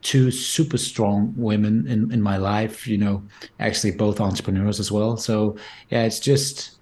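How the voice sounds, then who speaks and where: A man's voice: fairly low pitch, little pitch movement, a little slow, darkish tone. A man in his forties from Denmark with a Danish accent, a guest on a podcast interview, talking thoughtfully with many restarts. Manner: frequent restarts and repeated words, thoughtful. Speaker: guest entrepreneur.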